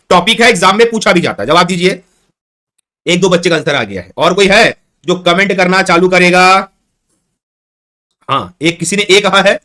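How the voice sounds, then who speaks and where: A man's voice: high voice, bright, forceful tone. A man teaching a live online exam-prep class, repeating questions and coaxing his students to answer. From Chhattisgarh, India.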